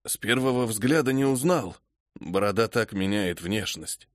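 A man voicing a feeble, fussy old father-in-law who mumbles quietly in a flustered way. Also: fairly low pitch, unhurried, no room sound, clean studio sound, lightly acted.

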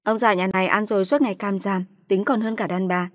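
A woman voicing a brash, abusive young daughter-in-law who sneers and shouts insults. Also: medium pitch, steady tone, brisk, dry recording, clean studio sound, lightly acted. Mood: sneering.

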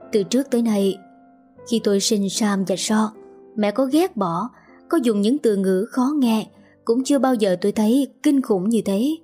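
Woman narrator, first-person story, mellow tone, faint music bed. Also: a little high, breathy edge.

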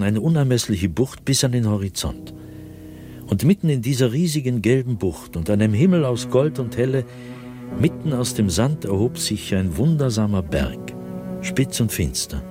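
In a German radio drama monologue, a man plays an anguished, fearful, solitary diarist haunted by nightly dread, reading the diary dramatically. His husky, brooding, medium-pitched voice is lightly acted, with sudden swells and hushed drops.

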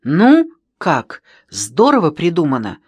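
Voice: medium pitch, expressive, no echo, highs cut off. Pashintsev, a reader voicing an eager schoolboy. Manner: eager, rapid, proclaiming. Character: excited boy schoolmate, eager schemer. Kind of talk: audiobook reading.

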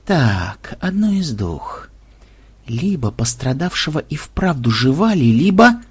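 A man's voice: a little high, very animated, slow, breathy edge, exaggerated voice. A man reading an audiobook and voicing a thoughtful, wry programmer who gives orders to his friends. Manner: musing, commanding. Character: pensive programmer hero, young man, wry.

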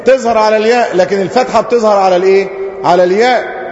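رجل بلهجة مصرية يشرح درسًا في قاعة فيها صدى. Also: male voice, high voice, very fast, darkish tone. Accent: Egyptian Arabic. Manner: asks the class questions and answers them himself, drawing out example phrases. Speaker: teacher. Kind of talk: grammar lesson to a class. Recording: roomy lo-fi hall recording.

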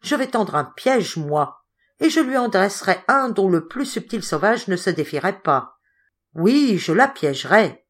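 A man's voice: high voice, very animated, a little slow, exaggerated voice. A woman voicing a brutish, scheming male trapper in an audiobook, whining and gloating. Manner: whining, then gloating and shouting.

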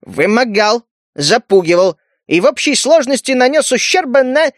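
A man's voice: very high voice, sing-song, normal speed, a bit bright, dry recording, clean studio sound, pitched above the performer's own voice, full character voice. A man doing a fawning, sly spider creature. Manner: ingratiating, wheedling.

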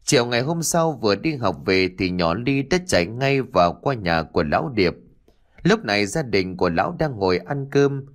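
A man narrating a story in an expressive, dramatic way. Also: on the low side, moderate pace.

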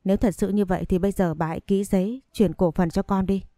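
A woman's voice: medium pitch, steady tone, fast talker, mellow, no echo, clean studio sound, lightly acted. A woman voicing a menacing unhinged young man. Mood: demanding.

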